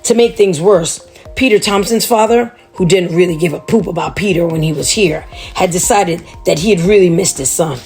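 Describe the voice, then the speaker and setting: A woman reading a chapter book aloud to children, chatty and animated. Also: fairly low pitch, normal speed, soft background music.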